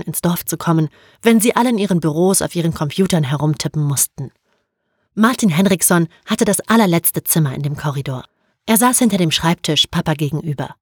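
A woman narrating an audiobook in a calm, even storytelling manner. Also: on the low side, slightly rough, no room sound, studio quality.

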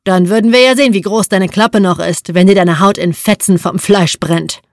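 A woman's voice: mid-range voice, fairly even intonation, normal speed, dry recording, studio quality, close to an everyday voice. A woman voicing a sneering sadistic overseer. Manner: sneering and threatening. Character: brutal sadistic male overseer, mocking.

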